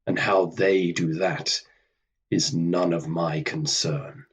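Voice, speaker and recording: Man playing a very deep, husky, stern Death. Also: fairly even intonation, exaggerated voice. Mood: detached, grave. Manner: deliberate, formal, cold, dismissive. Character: Death, stern, weary, aloof immortal being, male. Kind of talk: radio play acting.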